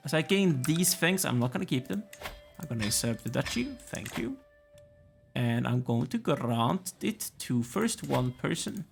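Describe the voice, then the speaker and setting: A man's voice: medium pitch, expressive, measured pace, vocal fry, soft background music. A tired, yawning man casually commenting as he plays a strategy game, musing aloud and chatting to the characters on screen. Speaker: let's play gamer.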